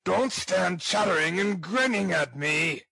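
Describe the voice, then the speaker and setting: Man playing a brutal housebreaker, growling, impatient, audiobook villain, raised loud voice, dry close recording. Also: fairly high pitch, slow pace, creaky, dry recording, voice pushed up, full character voice. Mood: savage, impatient. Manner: growling, barking, cursing.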